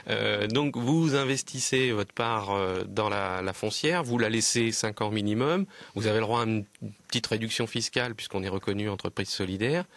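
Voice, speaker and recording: A man from Lower Normandy speaks as a radio interview guest in a fairly low voice. He explains earnestly but haltingly, filling gaps with hesitations and restarting phrases. The recording is dry and close. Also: fairly bright tone, no echo. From Lower Normandy, France. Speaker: guest, land trust representative.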